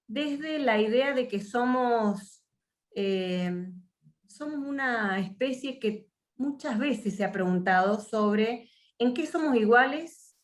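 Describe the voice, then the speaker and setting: An Argentine woman from Mendoza leading an online workshop over a video call, speaking reflectively with frequent fillers and restarts. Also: on the high side. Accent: Argentine Spanish. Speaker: workshop facilitator.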